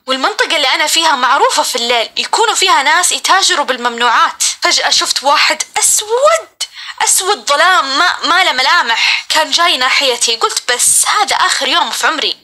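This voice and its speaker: A woman's voice: high voice, sharp tone. A young woman dramatically telling a first-person horror story. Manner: dramatic, breathless retelling.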